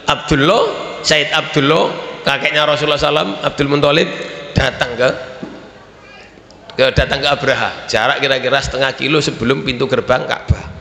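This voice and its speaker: A man with a Javanese accent preaching a storytelling sermon to an audience, animated and at times shouting. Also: medium pitch, a little hiss or hum. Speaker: kyai preacher. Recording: reverberant hall with faint ambience.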